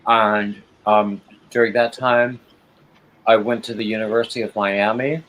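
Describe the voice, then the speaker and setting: Speaking fairly low and without hurry, a livestream host keeps things conversational and relaxed. Poor audio quality and constant background noise run under his chat.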